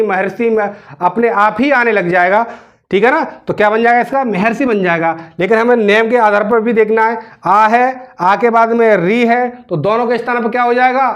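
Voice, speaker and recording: A man teaching a grammar lesson, asking questions and answering them himself and repeating words slowly as he spells them out. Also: high voice, fairly bright tone, dull audio.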